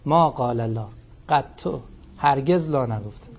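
A man's voice: mid-range voice, slightly rough. A man giving a scripture commentary lecture, reciting passages in Arabic and then explaining them in casual speech. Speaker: religious lecturer. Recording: dull lo-fi recording.

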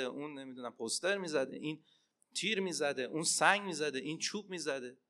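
A man preaching a religious sermon and telling stories, swinging between loud emphatic cries and hushed asides. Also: a little high. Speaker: preacher and Arabic teacher.

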